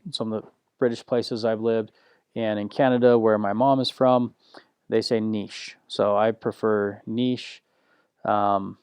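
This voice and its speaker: Slow, low-key man teaching a course. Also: darkish tone, clean tone, dry recording. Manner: frequent restarts and filler words. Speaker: online course instructor. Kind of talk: recorded course lesson.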